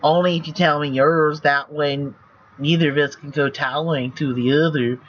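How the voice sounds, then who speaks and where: A playful, guarded young celebrity hero, read aloud by a man. The voice sits fairly high and carries warmth under the caution. The sound is muffled and lo-fi, like a cheap mic. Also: steady tone, moderate pace, a little hiss or hum, lightly acted. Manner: reads lines aloud from a text game.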